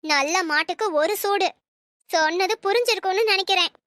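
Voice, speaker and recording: A woman's voice: very high-pitched, a little fast, fairly bright tone, no room sound, clean studio sound. A furious scolding mother. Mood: angry. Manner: harsh, threatening, insulting. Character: furious scolding middle-aged mother of a groom. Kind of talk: cartoon story voice acting.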